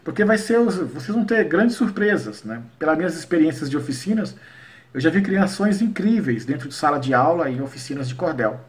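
A man from Paraíba, teaching educators about cordel poetry and reciting his verses slowly and rhythmically. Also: a little high, lively intonation. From Paraíba, Brazil. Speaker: cordel poet and workshop teacher. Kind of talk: online lesson for educators.

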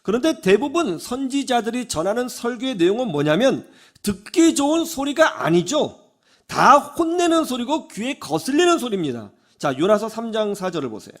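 A male pastor preaching a sermon in an animated way, often putting questions to the congregation. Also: very high-pitched, normal speed.

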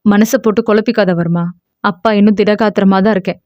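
A steady, reassuring father in his sixties or older, voiced by a woman reading an audio novel in a lowered, measured tone. He scolds gently and promises support. Dull, dry recording. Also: no echo, natural voice. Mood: firm. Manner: firm, reassuring.

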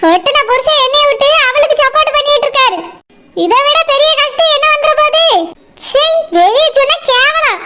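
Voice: brisk, sharp tone, slight background noise. A voice actor playing a jealous, bitter first wife in a cartoon, middle-aged village woman with a Tirunelveli Tamil accent. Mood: scolding. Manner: shrill, scolding and bitter.

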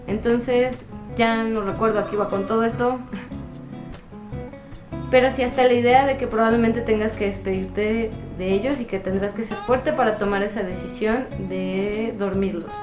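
A chatty woman talks casually to her viewers, filling her advice with little fillers. Her voice sits fairly high. The room rings with echo, and guitar music plays clearly behind her. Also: fairly even intonation, normal speed. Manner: chatty, warm advice with diminutives and frequent fillers. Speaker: vlogger. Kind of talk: casual chat to camera.

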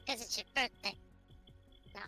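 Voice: moderate pace, bright, forceful tone, soft background music. A woman streamer chatting casually while gaming, her voice run through a voice changer filter.

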